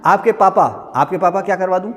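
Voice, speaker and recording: A man's voice: sits high, steady tone, a little fast, fairly bright tone. A man teaching an economics class in a classroom, joking and quizzing his students in a conversational way. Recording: hall reverb.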